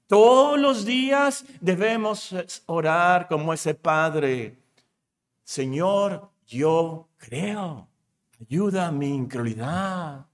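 A man preaching as pastor, emphatic, repeating key words and rising to near shouts. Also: sits high. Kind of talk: sermon.

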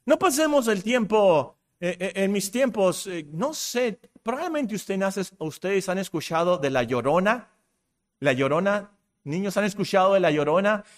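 A man's voice: high-pitched, lively intonation, normal speed. A man preaching a sermon with passion, repeating short phrases to drive points home.

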